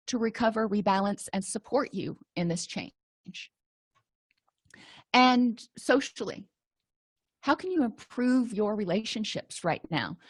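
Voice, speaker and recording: A woman's voice: medium pitch, breathy edge, no room sound, studio quality. A middle-aged woman clinician giving a conversational slide lecture while losing her voice. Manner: conversational, repeats and restarts words.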